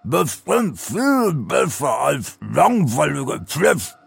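A man voicing a boastful, clumsy young lion king in a storybook reading, excitable and whiny. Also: mid-range voice, measured pace, creaky, husky, no echo, faint music behind, full character voice. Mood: excited.

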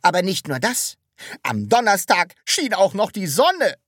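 A woman's voice: deep voice, sing-song, moderate pace, fairly bright tone, slightly rough, dry recording, studio quality, voice pushed up, exaggerated voice. A woman voicing a fussy, gloomy grown man who complains in a plaintive, exasperated way. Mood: aggrieved.

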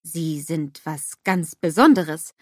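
A woman voicing an eager, innocent little male snowman with a high, excited, childlike manner. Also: takes it slowly, no room sound, studio quality, full character voice. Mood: proud.

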